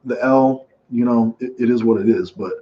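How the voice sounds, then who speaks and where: A man hosting casual live fight commentary from home, telling stories in a rambling, animated way with many restarts. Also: mid-range voice, moderate pace. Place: home room watching fights. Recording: dull lo-fi sound.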